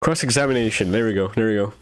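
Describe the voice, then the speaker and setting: A man's voice: on the low side, moderate pace. A man streaming a video game, chatting casually with viewers in a playful way. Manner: playful, swings into silly put-on voices, laughs often. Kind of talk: casual livestream chat while playing.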